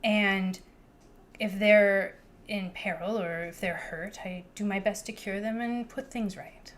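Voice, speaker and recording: A woman's voice: mid-range voice, steady tone, takes it slowly, lightly acted. A woman voicing a stern older village matriarch who talks in a curt, dismissive way in a tabletop game.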